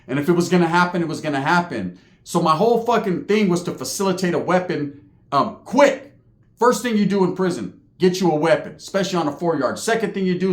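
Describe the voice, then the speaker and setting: A man's voice: sits high, roomy sound. A man telling a story about his time in prison, streetwise and profane, full of slang and asides. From California. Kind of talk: casual storytelling.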